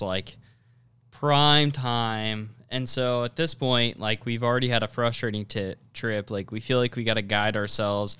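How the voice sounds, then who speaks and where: Smooth-voiced man chatting. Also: mid-range voice, a bit bright, no echo. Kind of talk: casual chat.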